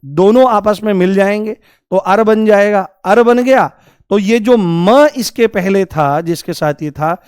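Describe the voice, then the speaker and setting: A young man leads a grammar lesson in a high, clear voice, firing rhetorical questions at his class and stretching each answer out in a sing-song way. The sound is dry and close. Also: a little mellow, no echo. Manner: repeats key answers in a drawn-out, sing-song way. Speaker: Hindi grammar teacher. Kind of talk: classroom lecture.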